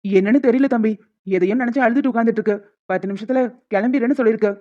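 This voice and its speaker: A woman's voice: fairly high pitch, very fast, lo-fi sound, close to an everyday voice. A woman voicing a kindly older male park watchman in a cartoon, talking in a fatherly, scolding way. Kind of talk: cartoon voice acting.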